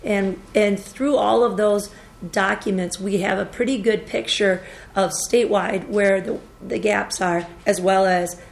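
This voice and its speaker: A woman with a cold and a hoarse voice, giving formal testimony to a committee as a deputy director of emergency management, in an earnest, steady briefing style with frequent fillers. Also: medium pitch, unhurried, a little hiss or hum. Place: government committee hearing room.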